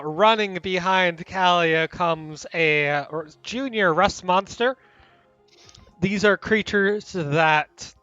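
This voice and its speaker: A man with a higher, bright, lively-toned voice runs a tabletop game as game master. He narrates loosely, pausing on fillers as he sets each scene, and the audio comes through slightly dull and muffled. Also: clear, resonant tone, no room sound.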